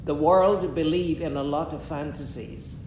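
A man, preaching in short measured phrases and pausing after each one for an interpreter. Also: steady tone. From Guyana. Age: 70s. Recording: echoey room with a faint rumble.

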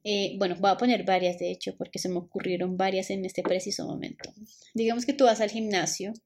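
A woman's voice: medium pitch, fairly even intonation, fairly quick, darkish tone. Young woman vlogger, candid and emotional, circles back and repeats phrases mid-thought. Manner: emotional, repeats herself, quotes her own past words. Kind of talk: casual personal monologue.

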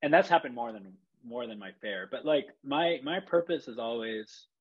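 A man's voice: medium pitch, expressive, normal speed, breathy edge, dull audio. A man from Chile, a photographer, talking in a rambling, reflective way with many fillers and restarts. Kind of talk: casual podcast chat.

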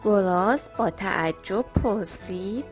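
A woman storyteller gently reading a children's story aloud. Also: mid-range voice. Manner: gentle, clear, friendly storytelling. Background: soft background music.

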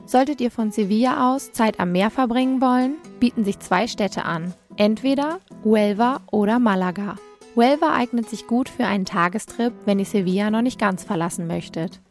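A woman's voice: medium pitch, darkish tone. A young woman reading a scripted travel report for radio and speaking directly to listeners. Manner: reads smoothly, addresses listeners directly.

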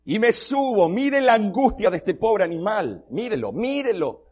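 A man's voice: sits high, big pitch swings, moderate pace, darkish tone, slightly rough. A male pastor telling a comic, self-mocking story during a sermon.

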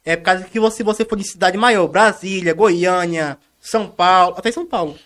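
A man chatting casually as an interview guest, halting and repeating words and phrases as he goes. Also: high-pitched, a bit bright. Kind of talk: casual chat.

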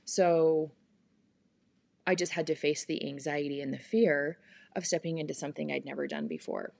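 A woman in her forties hosting a podcast, talking through personal changes in a gentle, thoughtful way with many pauses and fillers. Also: sits low, expressive, gravelly, dry recording. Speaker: podcast host. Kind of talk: reflective personal monologue.

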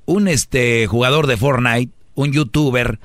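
A man's voice: mid-range voice, a little slow, a bit bright, no room sound, clean studio sound. A man co-hosting a comedy radio show, announcing segments and chatting with the others. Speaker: radio co-host.

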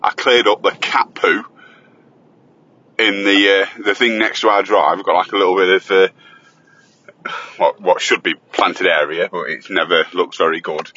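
Driving on the school run, this father and host teases and jokes through a casual chat recorded on his phone's voice recorder inside the car. He has a low-pitched, steady, bright and forceful voice at normal speed, pausing often. The audio is dull.

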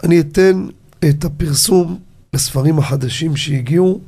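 Animated, gravelly-voiced rabbi on the radio. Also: male voice, fairly high pitch. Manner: animated, asks rhetorical questions, tells anecdotes. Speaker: rabbi teaching on a radio show.

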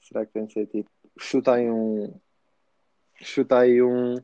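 A young man with a European Portuguese accent bantering casually as a podcast co-host, in slangy, animated storytelling. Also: mid-range voice, a little slow, no echo. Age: young adult. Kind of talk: casual banter between friends. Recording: slightly dull, dry close sound.

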